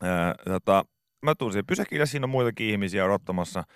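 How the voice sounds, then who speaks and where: A man's voice: on the low side, expressive, smooth, dry recording, clean studio sound. Rambling male radio host telling a story. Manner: rambling anecdotes full of fillers. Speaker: radio morning show host. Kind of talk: casual studio chat, storytelling. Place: radio studio. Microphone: studio microphone.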